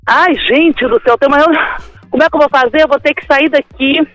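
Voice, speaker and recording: A woman's voice: sits high, fast, fairly bright tone, no echo, soft background music. A woman on a phone call, anxious and exclaiming. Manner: anxious, exclaiming, then relieved. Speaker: prank victim on the phone.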